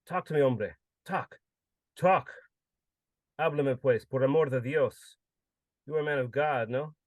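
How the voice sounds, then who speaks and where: A man's voice: medium pitch, unhurried, no room sound, narrow, tinny audio, natural voice. A man voicing a desperate, drunk man who pleads in anguish with a priest for forgiveness. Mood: pleading.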